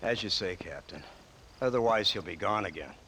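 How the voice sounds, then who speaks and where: A middle-aged government lawman in a Western video game, sardonic and menacing. His pitch moves in lively swings as he delivers mock-polite threats. Faint night noise with crickets sits behind him. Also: normal speed. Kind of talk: video game cutscene acting.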